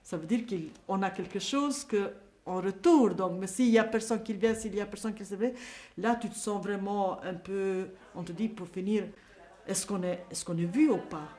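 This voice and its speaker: Woman, halting interview answer, mid-pitched voice. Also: warm tone. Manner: halting, searching for words.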